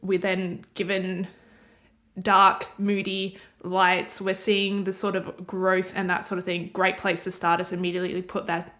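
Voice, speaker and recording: A woman's voice: lowish voice, monotone, measured pace, fairly bright tone. Aussie woman hosting a reaction video, rambling, thinks aloud. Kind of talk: casual commentary on a game trailer.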